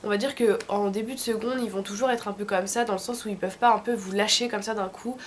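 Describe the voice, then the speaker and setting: A woman's voice: mid-range voice, fairly even intonation, quick pace, a little hiss or hum. A woman in her late teens from France with a thick, sore-throat voice from tonsillitis, giving informal, slangy advice in a casual vlog. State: sick with a throat infection. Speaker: vlogger.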